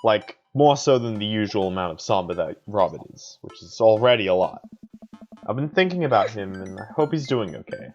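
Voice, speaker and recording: A man's voice: on the low side, lively intonation, fairly quick, darkish tone, muffled recording, faint music behind. A man streaming a game, chatting casually and reading the story aloud, rambling and laughing often. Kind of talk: casual let's play chat and narration.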